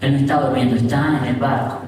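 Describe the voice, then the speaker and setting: A man pastor preaching a sermon, telling the story with dramatic pauses and questions to the audience. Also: medium pitch, steady tone, darkish tone, a little hiss or hum. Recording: echoey hall from far off.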